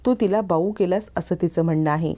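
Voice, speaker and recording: A woman's voice: lowish voice, fairly quick, mellow, close to an everyday voice. A woman voicing a young wife who defends her husband in a firm, scolding way.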